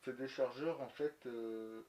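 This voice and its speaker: His mid-range voice is steady, slow and dark-toned as he reviews motorcycle gear in a casual, off-the-cuff way. The motovlogger uses slang and mild swearing, and the echoey recording carries clicks and clear background noise.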